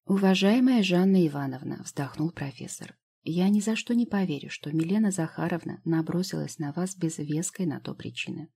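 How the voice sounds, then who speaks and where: A woman voicing a stern older male professor who speaks calmly and with measured authority in an audiobook. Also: lowish voice, vocal fry, husky.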